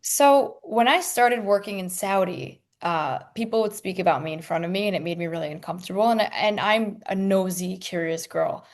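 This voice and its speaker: A young woman talks as an interview guest in a medium-pitched voice. Her delivery is informal and candid, like casual conversation. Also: moderate pace, hardly any pauses. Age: young adult. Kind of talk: casual chat.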